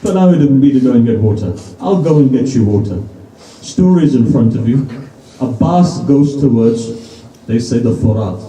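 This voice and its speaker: A man's voice: mid-range voice, animated, moderate pace, warm tone, slight background noise. A man preaching a sermon at a gathering in a private home, telling the story in short, emotive, dramatic lines. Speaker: majlis preacher. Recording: roomy sound from a distant mic.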